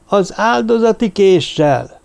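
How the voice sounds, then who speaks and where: A man reading an audiobook, voicing a crowd of male cult druids who answer slowly in unison. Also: high voice, lively intonation, gravelly, darkish tone, clean tone, pitched above the performer's own voice. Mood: chanting. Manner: slow, droning, answering in unison. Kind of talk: audiobook character voice.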